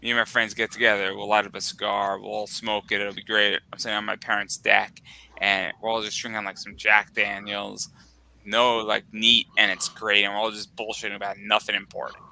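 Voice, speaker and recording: A man's voice: lowish voice, level tone, a little fast, vocal fry, bright, forceful tone, poor audio. A man in his twenties telling a rambling, profane story in casual chat, full of likes and swearing.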